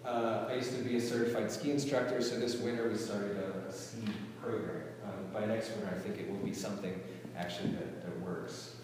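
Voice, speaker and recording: A man's voice: lowish voice, fairly even intonation, brisk, a little mellow, a little hiss or hum. A middle-aged man, a camp director, gives a speech to an audience, hesitant, with many fillers and restarts, recorded from a distance in a large hall. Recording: roomy hall, distant mic, faint ambience.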